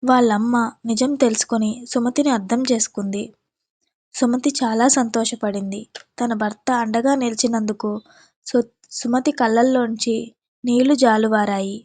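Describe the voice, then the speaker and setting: A woman's voice: a little high, steady tone, normal speed, darkish tone, no echo. A woman narrating an emotional family story in a plain, sympathetic way.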